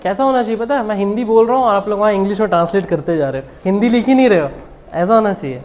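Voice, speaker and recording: A man's voice: sits high, very fast, darkish tone, a little hiss or hum. A man teaching English grammar to a live class. He keeps quizzing his students, mixes Hindi with English, and chuckles often.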